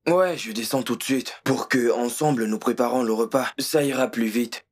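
A man dubbing a film role, speaking in a casual, unhurried way. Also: mid-range voice, breathy edge, close to an everyday voice. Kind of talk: dubbed film acting.

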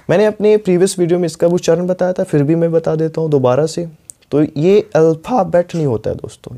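A man with an Indian accent teaching English pronunciation, repeating words slowly and checking in with his students. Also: fairly high pitch, dark tone. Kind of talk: spoken English lesson in Hindi.

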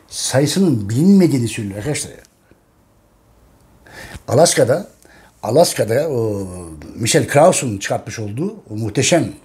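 A Turkish man hosts a history channel, speaking in a medium-pitched, somewhat dark voice. His casual monologue is repetitive and emphatic, and he keeps addressing his viewers as friends.

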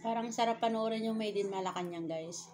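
A woman's voice: medium pitch, a little fast, a little mellow, a little hiss or hum. A woman vlogger from the Philippines chatting casually to viewers while eating, talking with food at her lips. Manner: chatty, addresses viewers as guys. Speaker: mukbang vlogger.

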